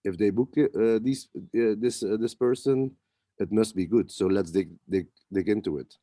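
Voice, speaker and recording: A man, a club promoter, answering interview questions in a relaxed way with many pauses and restarts. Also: fairly low pitch, no room sound. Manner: hesitant, many fillers and restarts. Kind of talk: casual interview talk.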